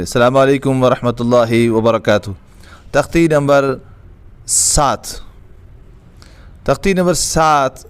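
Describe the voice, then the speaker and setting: A man's voice: mid-range voice, clean tone. A man teaching Quran reading, patiently drilling letter sounds one by one in a step-by-step lesson.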